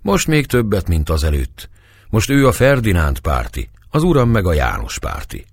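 A man voicing a calm, kind middle-aged village woman in a storybook reading, his voice raised higher. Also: slightly rough, dry recording, exaggerated voice. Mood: gentle.

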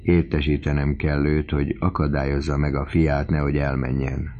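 A man's voice: a bass voice, flat delivery, a little mellow, dull audio. A man voicing an earnest young male student in a story reading, speaking urgently. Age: young adult.

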